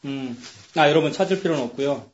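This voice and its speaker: A man preaching to his congregation, slightly high-pitched and chatty, slipping into the voices of the people in his stories. The sound is dull and lo-fi, with the echo of a church sanctuary. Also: quick pace. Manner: conversational, acts out voices of biblical figures. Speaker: pastor. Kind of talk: sermon.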